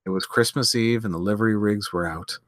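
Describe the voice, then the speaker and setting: A man voicing a sturdy young man, a warm big brother who speaks soberly and earnestly, in a storybook reading. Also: fairly low pitch, a little fast, no room sound, studio quality, lightly acted.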